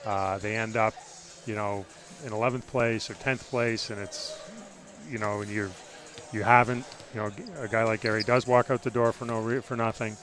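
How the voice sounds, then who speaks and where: A man, a sports journalist, giving casual analysis in a halting, thinking-aloud manner. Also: lowish voice, flat delivery, fairly bright tone. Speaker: basketball journalist, guest analyst.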